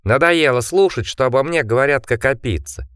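A man reading an audiobook, voicing a defiant, angry twelve-year-old boy who shouts commands. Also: mid-range voice, expressive, brisk, smooth, dry recording, voice pushed up, lightly acted. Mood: furious. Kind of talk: audiobook character voice.

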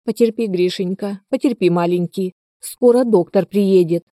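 A woman's voice: medium pitch, normal speed, mellow, no echo, clean studio sound, close to an everyday voice. A woman voicing a hysterical, doting middle-aged mother who shrieks and wails over her son. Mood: pleading. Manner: shrieking, wailing.

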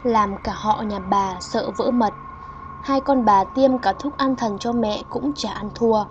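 Woman narrator, horror tale, fairly high voice, muffled lo-fi sound, faint hiss. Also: unhurried. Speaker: storyteller. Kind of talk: scripted horror story narration. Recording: dull lo-fi audio with faint hiss.

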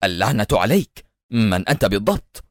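A man voicing a cocky male criminal agent who turns sharp and agitated under pressure, as an audiobook reader. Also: fairly low pitch, very animated, fairly quick, no echo, studio quality. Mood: alarmed.

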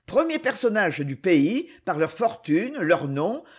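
A woman reads a novel aloud in a measured, expressive way. Her mid-pitched voice moves with lively intonation. A breathy, husky texture runs under every phrase. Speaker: audiobook reader.

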